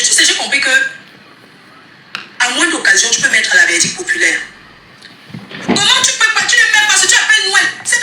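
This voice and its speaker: High bright laughing woman, distant echo. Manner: laughs often while telling the story. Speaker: live streamer recounting a phone call. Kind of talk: replayed live stream monologue. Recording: echoey, distant, faint background noise.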